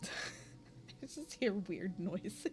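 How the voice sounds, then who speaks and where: A woman's voice: medium pitch, lively intonation, drawn-out words, soft background music. A young woman streaming and chatting casually with her viewers, full of slang and filler words.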